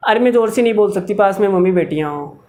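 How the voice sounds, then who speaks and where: A man's voice: high-pitched, expressive, fast, voice pushed down. A man voicing a young village girl who pleads that she cannot meet her boyfriend. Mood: hushed. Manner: hushed, pleading.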